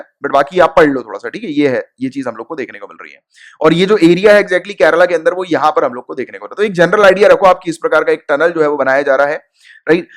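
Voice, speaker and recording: A young man runs an informal exam-coaching lesson in a slightly raised voice. He repeats the key points, mixes in English words and keeps checking with his students. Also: a little high. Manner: mixes English terms into Hindi. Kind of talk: casual Hindi exam-prep lecture.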